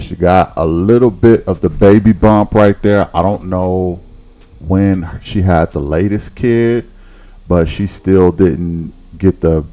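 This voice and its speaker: A man's voice: low-pitched, mellow. A man giving a laid-back, rambling reaction commentary, often repeating himself as he talks.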